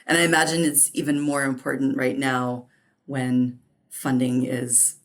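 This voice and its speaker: A podcast host with a very deep voice speaks at a measured pace in a level tone. She reads a guest introduction, then moves into a casual, effusive interview chat full of fillers and laughter.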